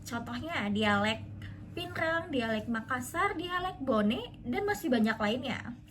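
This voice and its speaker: A young woman from South Sulawesi, a university student, giving a clear, explanatory class presentation. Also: high voice, animated, measured pace, fairly bright tone, a little hiss or hum. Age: young adult.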